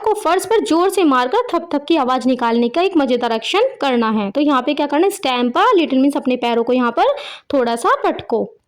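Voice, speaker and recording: Teacher type: woman, high bright voice, patient explainer for small kids, keeps asking and answering her own questions. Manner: explains in Hindi mixed with English words, asks herself questions. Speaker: English teacher for young children. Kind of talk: explaining a children's rhyme.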